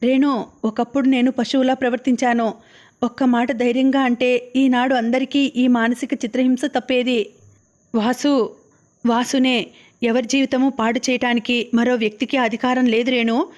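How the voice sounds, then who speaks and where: A woman's voice: a little high, level tone, moderate pace, a little mellow, lo-fi sound. A woman narrating an audiobook of a novel, reading all the characters' lines in her own voice.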